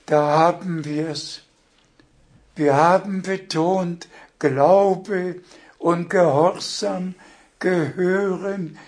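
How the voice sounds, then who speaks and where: A man delivers a sermon in a high voice, pressing each point with grave emphasis. He speaks very slowly, with long pauses between short phrases. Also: creaky, a little mellow. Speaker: preacher.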